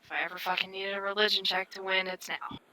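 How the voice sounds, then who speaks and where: A woman's voice: medium pitch, flat delivery, fast talker, very noisy. A woman chatting casually and informally as a player in a tabletop role-playing game, with a sweary way of talking. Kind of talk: casual role-play chat.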